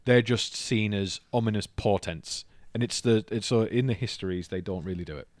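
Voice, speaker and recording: North east english bloke rambling through some history on a podcast, lowish voice, dead dry sound. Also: male voice, moderate pace, dry recording. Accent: North East England. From North East England. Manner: rambling storyteller, swears casually, jokes in silly voices. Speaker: comedian podcast co-host. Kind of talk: casual podcast chat.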